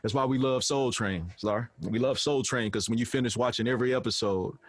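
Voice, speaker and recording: Loud man, dry sound. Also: medium pitch, a little fast, dry recording. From Memphis, Tennessee. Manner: loud, stretched-out on-air delivery. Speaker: interview guest, recording artist. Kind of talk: radio interview.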